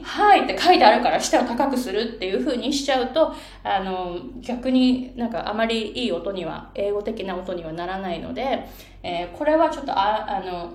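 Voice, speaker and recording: A woman pronunciation coach explaining a chart in a patient, lively way, with many fillers and English phrases dropped into her talk. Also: mid-range voice. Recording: echoey room, faint background noise.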